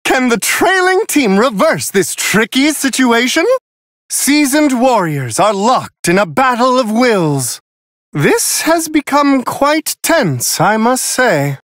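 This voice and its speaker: A man's voice: very high-pitched, sing-song, slow, fairly bright tone, dry recording, clean studio sound, full character voice. A male actor voicing Whis, a refined, playful otherworldly angel giving courteous, theatrical, wryly amused fight commentary in a video game. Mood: wry, intrigued. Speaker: match commentator.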